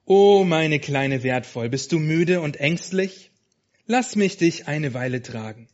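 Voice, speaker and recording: A man voicing a gentle but strong shepherd who speaks softly and slowly in a storybook reading. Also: fairly high pitch, expressive. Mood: tender. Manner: soft, slow, tender. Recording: dull lo-fi sound.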